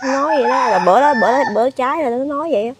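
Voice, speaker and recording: High-pitched southern vietnamese woman, pregnant, halting answers, keeps repeating words. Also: heavy background noise. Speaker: fire victim being interviewed. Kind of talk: emotional interview answers.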